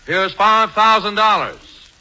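An actor playing a boastful, smug rich young playboy in a 1940s radio comedy, with a pompous, drawling delivery. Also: male voice, sits high, slow, pushed and bright, dull audio, full character voice. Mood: scheming. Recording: scratchy old radio broadcast with hiss.

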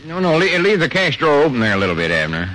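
An actor playing a confident, scheming old rural storekeeper in 1940s radio comedy, with folksy speech, on an old radio recording. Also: male voice, on the high side, big pitch swings, rapid-fire, pushed and bright, rough recording.

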